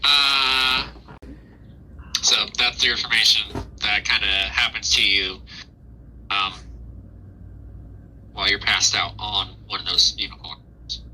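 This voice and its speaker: A man's voice: on the low side, steady tone, takes it slowly, long pauses, sharp tone, slight background noise, low-quality recording. A man narrating a tabletop game as game master in a casual, informal, conversational way. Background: music.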